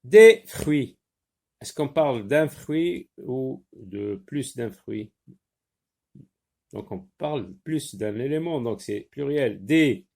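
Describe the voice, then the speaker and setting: A man teaching a spelling lesson, slowly sounding words out and spelling them letter by letter. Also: medium pitch, lively intonation, creaky, a little mellow.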